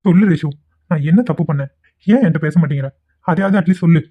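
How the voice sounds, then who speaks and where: Cartoon: scheming young man, theatrical pleader, high-ish voice, voiced by a man, lo-fi phone sound. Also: steady tone, fairly quick, close to an everyday voice. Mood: pleading. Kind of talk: amateur cartoon voice acting. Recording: tinny phone-like lo-fi audio.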